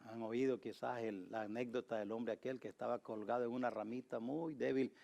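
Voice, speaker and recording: A male pastor preaching a sermon. He speaks emphatically, repeats key phrases and tells anecdotes, moving from loud, high exhortation to low, quiet asides. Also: steady tone, a little fast, creaky. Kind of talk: Spanish-language sermon.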